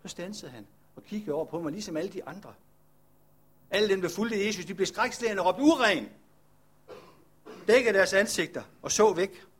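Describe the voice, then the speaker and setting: A man's voice: high voice, fairly bright tone, breathy edge, pitched above the performer's own voice. A man voicing a weary, humble male leper farmer who is telling his own story earnestly in the first person. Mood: awed.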